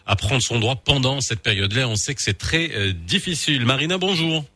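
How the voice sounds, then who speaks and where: A man hosting a morning radio show, presenting in a lively, chatty way. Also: mid-range voice, a little fast, dry recording. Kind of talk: radio chat.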